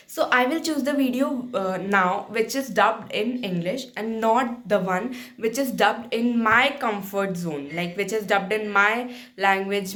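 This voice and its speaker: Speaking in a medium, slightly bright voice, this Indian-accented woman whose native tongue is Hindi shares offhand study tips as a channel host. Her talk wanders, packed with fillers and false starts, as she mixes English and Hindi.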